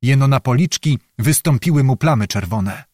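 A male audiobook narrator telling a historical novel with measured, dramatic storytelling. His pitch is ordinary for a man. The recording is dry and close, as in a small studio booth. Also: lively intonation, darkish tone, no echo.

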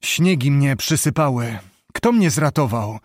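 A man voicing an old wounded knight, speaking gravely and slowly with a heavy, distraught manner. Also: medium pitch, lively intonation, dry recording, clean studio sound. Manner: grave, heavy, slow-spoken.

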